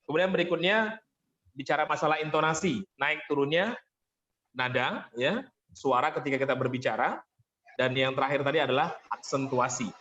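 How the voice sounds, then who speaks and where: Man teaching voice technique, slightly high voice, patient explanations, dull lo-fi call sound. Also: moderate pace, a bit bright. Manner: explains patiently, thanks participants often. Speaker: vocal training coach. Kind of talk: online workshop teaching.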